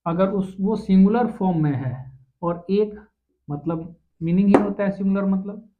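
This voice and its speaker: Man, grammar lesson, slow deliberate teaching, tinny recording. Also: sits high. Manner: slow, repetitive explaining with rhetorical questions. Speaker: English teacher. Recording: tinny phone-like sound.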